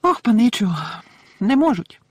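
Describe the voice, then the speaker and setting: A man voicing a timid, excitable male house-elf servant with a squeaky, servile way of talking in an audiobook. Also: measured pace, no room sound, heavily acted. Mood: eager squeaky. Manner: squeaky, servile, calls everyone young master.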